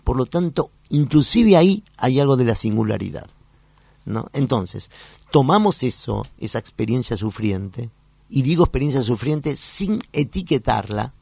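A man, a child psychoanalyst, telling a clinical story in a lively way and acting out the voices. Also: medium pitch, moderate pace, gravelly, breathy edge, no room sound. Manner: animated, acts out voices and sounds in anecdotes. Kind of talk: conversational storytelling.

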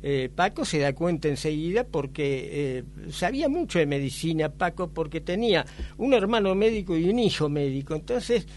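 Older Argentine man, halting storyteller. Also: on the high side, expressive, a little mellow, a little hiss or hum. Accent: Argentine Spanish. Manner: hesitant, many "eh" fillers, anecdotal storytelling. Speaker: interview guest. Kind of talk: conversational recollection.

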